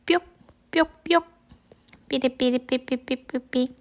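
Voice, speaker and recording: A woman reading a picture book aloud to young children in a gentle, simple way, like a teacher with toddlers. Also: high voice, fairly even intonation, takes it slowly. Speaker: children's storybook reader, teacher. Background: background music.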